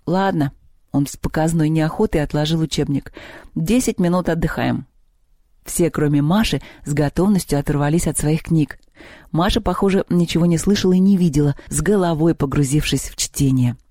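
A narrator reading a children's story aloud in a steady, expressive storytelling manner. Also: mid-range voice, a little fast, no echo, clean studio sound. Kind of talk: audiobook reading.

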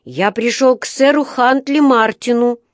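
A woman's voice: high voice, slow, no room sound, studio quality, pitched above the performer's own voice. A woman reading a storybook aloud, voicing a small, polite and earnest young male bear in a raised, eager voice. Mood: indignant.

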